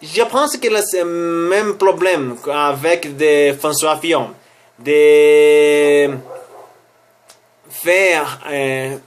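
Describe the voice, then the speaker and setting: A man's voice: fairly high pitch, drawn-out words. A man speaking with a foreign accent as a non-native speaker, presenting a vlog and often searching for words and correcting himself. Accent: foreign accent in French. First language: not French. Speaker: online language teacher and video host. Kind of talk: news commentary vlog for language learners.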